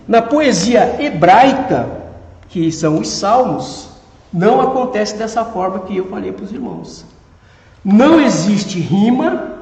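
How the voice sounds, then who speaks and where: A man's voice: high-pitched, a little mellow. A man with a Brazilian Portuguese accent teaching a church Bible class, checking in with the congregation with "Amém?" after each point. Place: church hall. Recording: echoey hall reverb.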